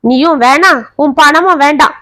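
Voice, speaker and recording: A woman voicing a fed-up housemaid who talks in a loud, scolding, dismissive way. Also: sits high, moderate pace, no room sound. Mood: angry. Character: fed-up housemaid, blunt and quick-tempered.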